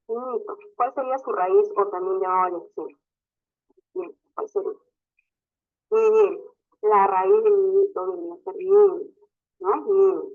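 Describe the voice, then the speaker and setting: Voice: medium pitch, gravelly. A teacher giving an online class lecture, explaining step by step and often adding a short questioning tag. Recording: tinny phone-like audio.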